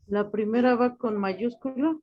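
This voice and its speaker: A woman's voice: fairly high pitch, a little slow, lo-fi sound, slight background noise. A woman student giving short, tentative answers in a live online class.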